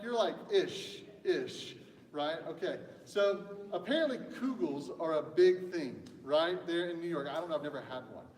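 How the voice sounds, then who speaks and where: A man preaching a casual sermon, telling stories in a chatty way and joking with the congregation. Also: a little high. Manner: chatty storyteller, acts out quotes. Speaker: pastor. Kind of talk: casual sermon with audience banter. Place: church sanctuary. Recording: echoey church hall from a distance.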